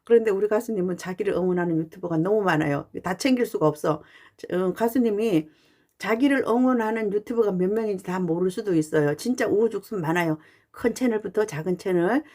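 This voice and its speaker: A woman fan channel YouTuber talking casually and earnestly to her viewers, pausing often with "uh". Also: medium pitch, darkish tone. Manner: chatty and earnest, with frequent "uh" pauses. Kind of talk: casual talking-head monologue.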